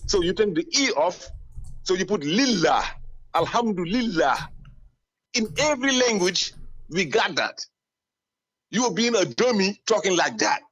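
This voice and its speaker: A man's voice: high voice, sing-song, normal speed, a bit bright, husky, low-quality recording. A man arguing in a heated debate, dismissive and argumentative. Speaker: debate opponent.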